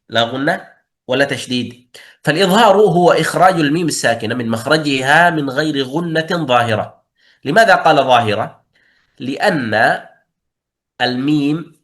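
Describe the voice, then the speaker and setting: A man's voice: a little high, fairly bright tone. A man teaching tajweed in a classroom lesson, explaining methodically and posing and answering his own questions.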